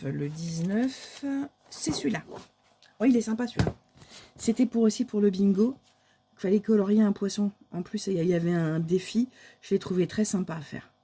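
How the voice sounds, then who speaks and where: A woman's voice: medium pitch, mellow, slight background noise. A woman, casually showing her month's coloring pages in a chatty, hesitant way with many fillers. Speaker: crafting vlogger. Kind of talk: casual show-and-tell of coloring books.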